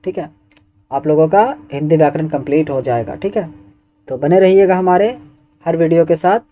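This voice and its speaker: A man's voice: a little high, normal speed, phone-quality sound. A man teaching Hindi grammar who reads each exam question and its options aloud, then asks for the answer and repeats it. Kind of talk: exam question walkthrough lesson.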